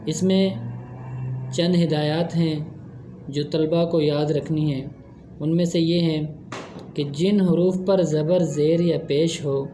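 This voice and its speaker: A man's voice: a little high, dark tone, roomy sound, slight background noise. A man with an Urdu accent teaching a Quran reading lesson, patiently drawing out syllables for students to repeat. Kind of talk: slow recitation lesson.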